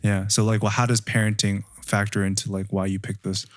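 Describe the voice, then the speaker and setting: A man's voice: lowish voice, flat delivery, fairly quick, no room sound, studio quality. A man co-hosting a podcast, chatting loosely with many "like"s and "sort of"s. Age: adult. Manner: casual, lots of "like" and "sort of". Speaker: podcast co-host. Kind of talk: casual discussion.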